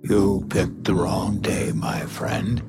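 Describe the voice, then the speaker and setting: Man doing a gloating demon, low voice, unhurried menace, storybook reading, music playing underneath. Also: flat delivery. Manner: slow, smug, drawling menace.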